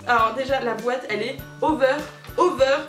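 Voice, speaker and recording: Bubbly high-voiced young woman. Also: normal speed. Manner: bubbly, gushing, self-mocking, with many fillers. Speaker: unboxing video host. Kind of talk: casual unboxing chat. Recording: roomy, distant, with music behind.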